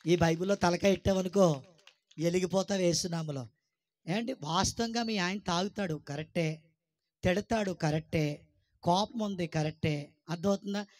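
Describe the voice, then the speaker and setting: A pastor delivers a lively sermon in a high-pitched voice at a moderate pace, pausing often, on a dry recording. He exhorts his congregation with repeated rhetorical questions and calls for praise, and teases them with jokes.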